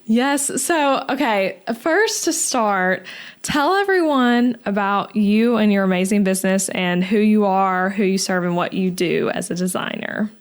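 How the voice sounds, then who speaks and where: A woman's voice: mid-range voice, measured pace, clear, resonant tone. Gushing, chatty young woman podcast host. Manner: gushing, chatty, many fillers like "um" and "like". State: pregnant. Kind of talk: casual interview and podcast intro.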